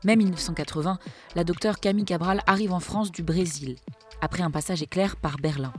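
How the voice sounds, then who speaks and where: A narrator reading a measured, scripted introduction to an episode. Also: mid-range voice, faint music behind.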